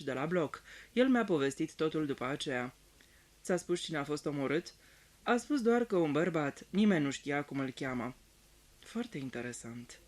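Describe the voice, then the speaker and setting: Man reading a mystery audiobook. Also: a little high. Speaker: audiobook reader. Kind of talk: scripted audiobook narration.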